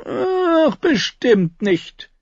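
A man's voice: sits high, animated, normal speed, dry recording, muffled recording, voice pushed up. A man doing a sly, mocking dwarf lord. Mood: wry. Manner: mocking, wheezing with laughter.

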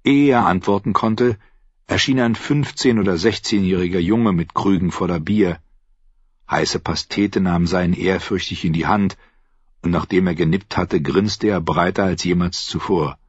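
A man reading a fantasy novel aloud in a steady storytelling manner. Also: sits low, moderate pace, breathy edge, dry recording, dull audio. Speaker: audiobook reader. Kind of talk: scripted narration.

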